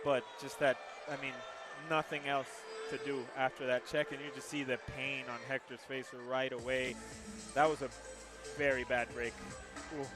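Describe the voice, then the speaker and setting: Male MMA commentator over clear music. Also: mid-range voice, little pitch movement, normal speed. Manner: repeats words and phrases for emphasis. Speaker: fight commentator.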